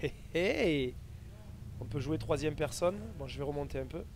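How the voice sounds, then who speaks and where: A man's voice: a little high, moderate pace, slight background noise. A man doing casual live gameplay commentary and chatting with his viewers. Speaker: game streamer. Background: game audio.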